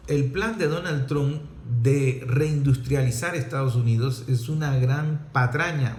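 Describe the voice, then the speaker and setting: In a roomy, echoing recording, a man with a Venezuelan accent and a darkish, mid-range voice lays out political commentary in a didactic, emphatic manner, repeating points and posing rhetorical questions.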